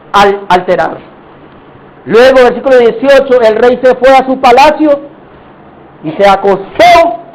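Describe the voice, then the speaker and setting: A man's voice: very high voice, low-quality recording. A man pastor preaching a sermon, impassioned and dramatic, acting out scripture scenes as he preaches.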